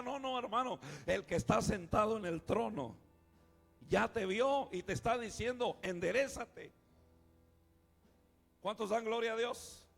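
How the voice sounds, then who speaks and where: Raspy high-voiced preaching man. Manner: calls out to the congregation, often says "hermano"; swings from quiet asides to shouting. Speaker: pastor. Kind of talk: sermon.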